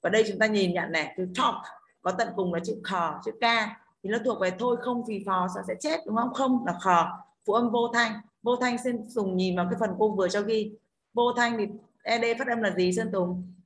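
A woman teacher with a Northern Vietnamese accent takes an online class through pronunciation rules one step at a time, pausing often to ask whether everyone follows. Her voice sits at a medium pitch, and a faint background hiss runs under the recording. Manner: explains step by step, keeps checking with "đúng không?". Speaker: English teacher.

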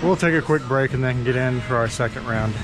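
Loud music plays behind this fifty-something man as he speaks briskly at a medium pitch. Holding an action camera at arm's length, he narrates a casual vlog in a chatty, easygoing tour-guide manner, moving between an indoor go-kart track and his home garage.

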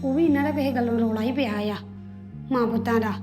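A woman's voice: a little high, fast talker, over music, close to an everyday voice. A woman playing a worried young married woman in a family drama, talking earnestly and confidingly. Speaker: sister-in-law Preeti. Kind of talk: Punjabi family drama acting.

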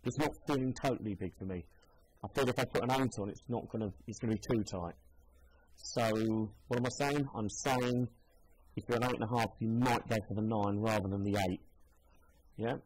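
A man's voice: mid-range voice, brisk, husky, poor audio. A man, a shoe seller giving a casual, chatty demonstration and thinking aloud as he goes. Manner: chatty, thinking aloud while trying on shoes.

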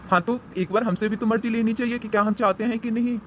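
A woman's voice: fairly high pitch, steady tone, fast talker, slight background noise, natural voice. A woman voicing a caring, protective middle-aged mother in a cartoon story, who questions her daughter in a worried, indignant way.

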